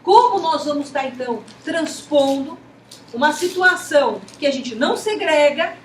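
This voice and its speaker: A woman's voice: sits high, animated, moderate pace. A woman with a Brazilian Portuguese accent teaching a class of teachers, talkative and full of rhetorical questions. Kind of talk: lecturing a class. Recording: echoey room, distant mic, faint noise.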